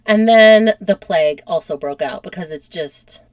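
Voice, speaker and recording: A woman's voice: on the low side, moderate pace, dry recording. A woman hosting a podcast, chatting casually as she retells a history story and peppering it with "like". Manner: chatty, animated, uses lots of "like". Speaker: podcast host.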